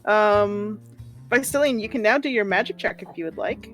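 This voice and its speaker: A woman's voice: medium pitch, normal speed, faint music behind. A woman running a tabletop fantasy game as game master, describing scenes with frequent ums and restarts. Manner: hesitant, many ums and restarts.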